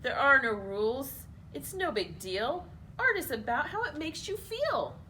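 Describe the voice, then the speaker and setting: A laid-back male cartoon cat with a breezy, sing-song delivery, as a woman puts him on. His voice jumps well above her own and comes out loud and lively. The recording carries a steady hiss behind it. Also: high-pitched, measured pace, voice pushed up, full character voice. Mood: confident. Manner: upbeat, easygoing, sing-song.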